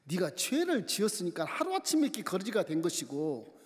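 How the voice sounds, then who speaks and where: A man's voice: sits high, huge pitch swings, brisk. A man voicing Job's friend, who lectures and accuses him bluntly. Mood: accusing. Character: Job's scolding male friends. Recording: long church hall reverb.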